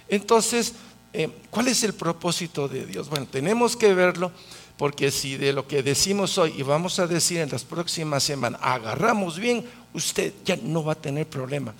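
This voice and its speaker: Male preacher, a touch high, lively and questioning in his Bible teaching. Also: creaky. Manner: asks the audience questions, lively.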